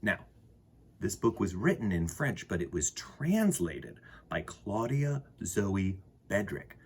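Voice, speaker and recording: A man leads a children's story time, reading and chatting enthusiastically and addressing the kids directly. His fairly low voice swings widely in pitch as he speaks slowly, with a little hiss or hum in the background.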